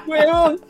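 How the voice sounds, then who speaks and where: Lively high-voiced man telling a story. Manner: animated, profane anecdote-telling, acts out voices. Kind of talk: casual chat.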